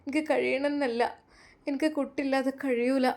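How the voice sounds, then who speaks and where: A woman voicing a weeping young mother from Malappuram who speaks softly through tears. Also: high voice, level tone, a little fast. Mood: tearful. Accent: Malappuram Malayalam. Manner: soft and tearful.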